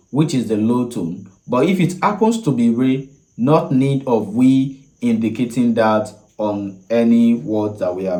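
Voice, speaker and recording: A man with a Nigerian accent gives an instructional lesson as a language teacher, with deliberate, formal phrasing. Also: medium pitch, a little mellow, reverberant, low-quality recording.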